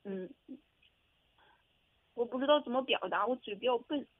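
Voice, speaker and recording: A woman calling an advice show, halting and hesitant, repeating herself and close to tears. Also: on the high side, dry recording. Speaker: caller. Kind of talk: call-in radio advice. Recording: tinny phone line.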